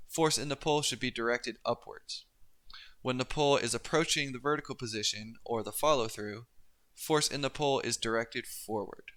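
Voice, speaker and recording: A man giving instructional narration as a coach, explaining each step in a careful, unhurried way. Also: mid-range voice, pushed and bright, clear, resonant tone. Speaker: pole vault coach and instructor. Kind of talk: instructional narration of technique and demonstrations.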